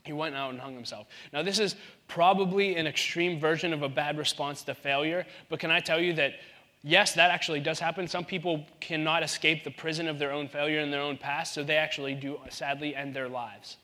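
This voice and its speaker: A man in his thirties preaching a sermon in an animated way, acting out the voices in the Bible story. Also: on the high side, a little fast. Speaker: pastor.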